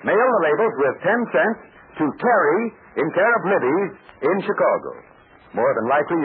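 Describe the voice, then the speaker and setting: A man with an American accent announcing and narrating an old radio adventure serial, with an emphatic, showmanlike delivery. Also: fairly high pitch. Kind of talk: old-time radio announcer, scripted narration and sponsor pitch. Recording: scratchy 1940s radio recording, narrow band.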